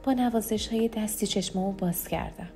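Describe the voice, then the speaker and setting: Brief: female audiobook narrator, steady, hushed, warm low tone over soft music. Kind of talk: first-person novel reading.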